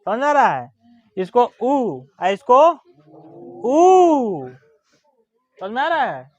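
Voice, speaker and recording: Slow, deliberate teacher dictating notes. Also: mid-range voice, very animated, no room sound, lo-fi sound. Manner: slow and deliberate, repeats words and checks understanding; drawls vowels aloud as examples. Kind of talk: Hindi grammar lesson, dictating definitions.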